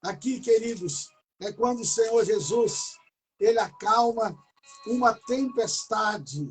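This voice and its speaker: High-voiced fervent male preacher. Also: slow, faint music behind, low-quality recording. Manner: fervent, repetitive exhortation with sudden loud bursts; bursts into tongues. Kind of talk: sermon at a prayer service.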